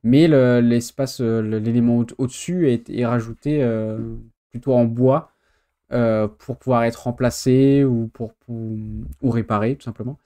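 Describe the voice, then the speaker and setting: Mellow-voiced man musing casually. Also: mid-range voice, steady tone, a little slow. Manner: hesitant thinking aloud, many fillers. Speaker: streamer reacting to a video. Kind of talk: casual chat.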